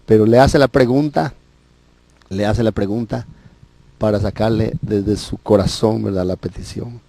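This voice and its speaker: Male faith TV guest, gravelly mellow voice, storytelling preacher. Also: lowish voice, steady tone, unhurried. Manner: storytelling, retells scripture dramatically with quoted voices. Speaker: religious TV guest. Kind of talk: preaching on a Bible passage.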